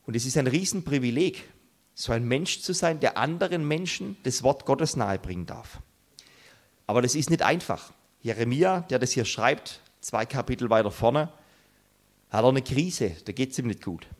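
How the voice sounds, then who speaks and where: A man's voice: medium pitch, animated. Earnest German-speaking male preacher. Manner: earnest, emphatic, with dramatic pauses. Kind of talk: sermon.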